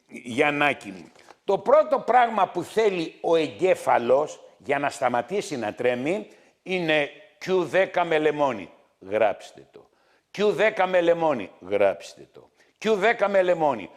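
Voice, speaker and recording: A middle-aged man hosting a health show as a doctor, scolding his viewers loudly and repeating his points again and again. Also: fairly high pitch, big pitch swings. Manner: loud, scolding, repetitive, hammering points. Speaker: TV doctor host.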